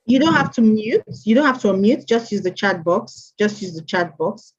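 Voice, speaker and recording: Animated and a little breathy, a woman of medium pitch speaks at a moderate pace while hosting an online mentorship session. She greets each attendee by name, repeats her welcomes, and chats freely; the stream audio is dull and lo-fi.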